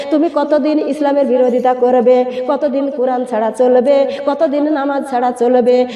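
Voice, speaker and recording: A woman's voice: high-pitched, echoey room, long reverb tail, highs cut off. A woman preacher giving a sermon in a sing-song chant, calling out to the women listening.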